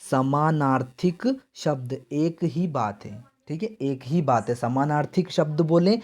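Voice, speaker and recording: A slightly high-pitched young man teaches an exam-prep lesson. He asks his students quick questions and answers them himself, and he stretches out key words slowly so they stick. His delivery is chatty and informal. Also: darkish tone. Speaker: Hindi teacher.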